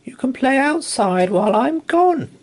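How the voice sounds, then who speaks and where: A man acts out a caring storybook mother rabbit. The voice sits far up high, motherly and instructive, as if minding little ones. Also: big pitch swings, measured pace, full character voice. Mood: motherly warning. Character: caring mother rabbit warning her children. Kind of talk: storybook character voice.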